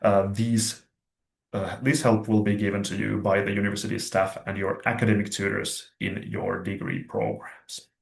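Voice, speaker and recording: A man presenting in an online session, hesitant with many pauses. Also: on the low side, level tone, gravelly. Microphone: video call. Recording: echoey room on video call.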